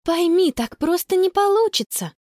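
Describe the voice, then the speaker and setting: A woman's voice: very high voice, sing-song, measured pace, no echo, clean studio sound, pitched above the performer's own voice, full character voice. A woman voicing a frightened, bossy young girl who calls out urgently in a children's storybook. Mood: apologetic. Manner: pleading, urgent shouts.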